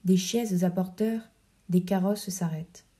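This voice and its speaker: A woman narrating an audiobook of a play, reading the stage directions in a measured, even way. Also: on the low side.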